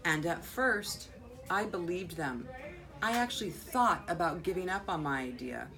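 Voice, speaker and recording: An American woman, a school principal, reading a children's picture book aloud expressively, with dramatic pauses and drawn-out words. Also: fairly low pitch, animated, bright, forceful tone. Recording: faint background noise.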